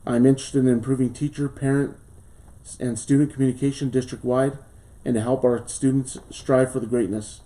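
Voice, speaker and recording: In a small studio, a southern Colorado man in his late thirties running for school board delivers a prepared speech and answers questions sincerely, pausing and using fillers. He has a mellow, mid-range voice with little pitch movement.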